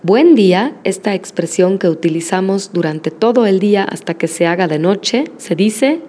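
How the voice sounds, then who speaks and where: A woman teaching a language lesson, modeling words slowly and praising the listener after each repetition. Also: medium pitch, expressive, warm tone. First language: Spanish. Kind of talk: slow, patient language lesson with repetition drills.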